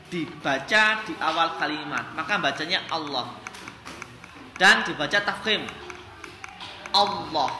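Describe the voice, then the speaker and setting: High-voiced guy teaching religion class, bright and punchy, roomy echo, faint hiss. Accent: Indonesian. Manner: lively, questions the class and drills them. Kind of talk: classroom lesson on Quran recitation. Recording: echoey classroom.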